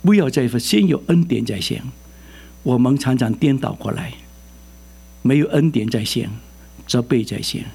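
Male preacher, husky and rough, lively delivery that keeps quizzing the listeners. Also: mid-range voice, normal speed, long pauses. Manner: lively, quizzes the congregation with rising questions. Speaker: pastor. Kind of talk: sermon.

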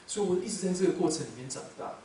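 A man from Taiwan, preaching a sermon as a pastor and telling his own testimony, emotional and swinging between loud emphasis and soft murmurs. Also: sits high, expressive, rapid-fire, a little hiss or hum. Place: church hall. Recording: very echoey hall, speaker far from mic.

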